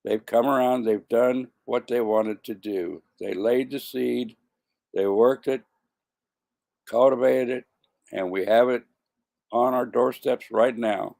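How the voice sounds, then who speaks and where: Gravelly-voiced man in his seventies. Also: medium pitch, steady tone, takes it slowly, darkish tone. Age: 70s. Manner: stumbling, repeats and corrects himself. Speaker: vlogger. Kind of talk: casual monologue to camera.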